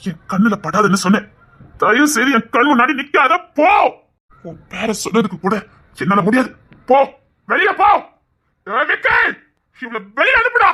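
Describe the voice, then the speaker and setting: A man with a Tirunelveli Tamil accent, playing a scheming young man who talks softly and wheedles. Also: sits high, expressive, a little fast, slightly rough, heavily acted. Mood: angry. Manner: soft wheedling voice that turns mocking. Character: scheming young man, fake-tearful, later cold and harsh. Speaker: actor in a skit. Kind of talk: melodramatic skit acting.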